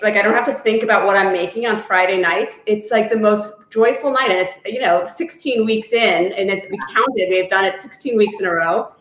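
A woman in her thirties chatting in a relaxed, agreeable way on a video call from her home kitchen. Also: medium pitch. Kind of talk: casual video call discussion. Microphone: laptop webcam on a video call. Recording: echoey kitchen on a webcam.

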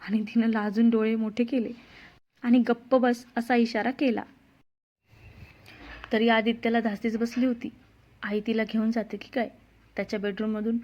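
A woman's voice: a little high, level tone, normal speed, pauses often, darkish tone. Woman narrating a romance serial. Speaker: storyteller. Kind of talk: scripted story narration. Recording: dull lo-fi sound.

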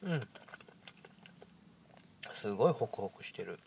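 A man in his thirties with a nasal, stuffy-nosed voice from a cold, giving a casual, halting food review to camera. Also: on the low side, very animated, gravelly, a little mellow, slight background noise. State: congested with a cold. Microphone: camera at arm's length.

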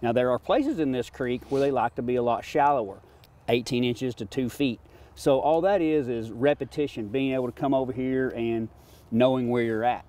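Folksy middle-aged fishing guide. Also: male voice, mid-range voice, mellow. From Oklahoma. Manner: folksy, easygoing teacher. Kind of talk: casual outdoor fishing talk. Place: creek bank outdoors.

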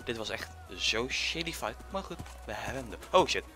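Excitable bright-voiced young gamer guy. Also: mid-range voice, normal speed, faint music behind. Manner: excitable, chatty, swings between loud outbursts and muttering. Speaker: gaming YouTuber. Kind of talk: casual gameplay commentary.

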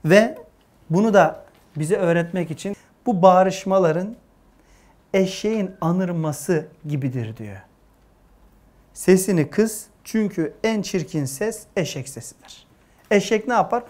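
A man teaching a religious lesson to young people, earnest and emphatic, rising to forceful stresses. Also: high-pitched, lively intonation, unhurried, pauses often. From Turkey.

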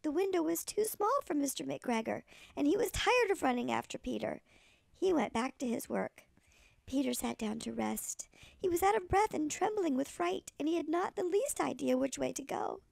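A sweet older woman with a thin, creaky voice, reading a children's story expressively like a kindly storyteller. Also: sits high, animated, moderate pace, a little mellow, no echo. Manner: sweet old lady.

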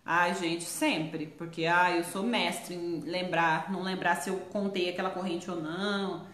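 Chatty Brazilian crochet teacher. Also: female voice, lowish voice, fairly even intonation, a little slow, a bit bright, reverberant. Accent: Brazilian Portuguese. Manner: chatty, laughs often, exclaims "ai, gente". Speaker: crochet teacher hosting a live stream. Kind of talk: chatty live crochet tutorial. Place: her craft shop.

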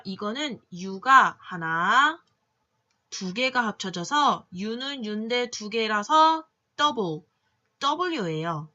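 Very slow, bright-voiced phonics teacher woman. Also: medium pitch, dull audio. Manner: patient, drawn-out sounding of letters, many "자" cues. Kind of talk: slow classroom phonics lesson.

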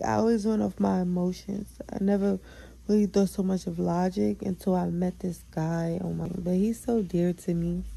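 A young woman talks straight to her listeners in a loose, candid solo podcast, swearing freely and hyping herself up. Her voice is very dark and gravelly, with a husky edge and plenty of vocal fry. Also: medium pitch, low-quality recording. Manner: chatty, candid, profane, self-affirming. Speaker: podcast host. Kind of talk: casual solo vlog chat.

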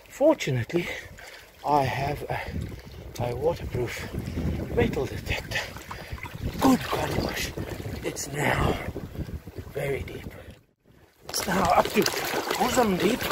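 A man wading through the sea among rocks, rambling aloud in a chatty, self-mocking stream of commentary. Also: fairly high pitch. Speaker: metal-detecting vlogger. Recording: outdoor recording with loud water noise.

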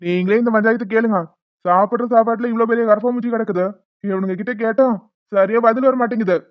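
A man's voice: sits high, fairly even intonation, fast, no echo, lo-fi sound, close to an everyday voice. A man playing a sly, cowardly middle-aged troublemaker who stammers and hesitates when he is caught. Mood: complaining.

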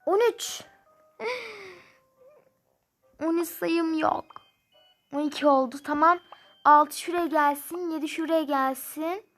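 High-voiced woman grumbling through a game. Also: steady tone, unhurried. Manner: frustrated, grumbling, counting numbers aloud. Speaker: mobile game player. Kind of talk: casual gameplay commentary.

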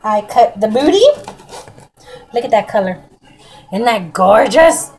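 A middle-aged woman with a drawl, talking her viewers through a home recipe in a relaxed, folksy way and calling them y'all. Her voice sits fairly high for a woman. A camera on the kitchen counter picks her up close, with a faint hiss of noise underneath. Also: unhurried, poor audio. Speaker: home cooking vlogger. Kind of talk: casual cooking demonstration.

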